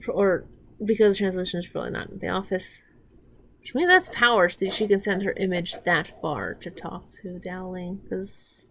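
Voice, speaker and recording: A woman rambling casually through a show, recapping scenes with restarts and getting heated and swearing when annoyed. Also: medium pitch. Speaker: reaction commentator. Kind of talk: casual watch-along commentary.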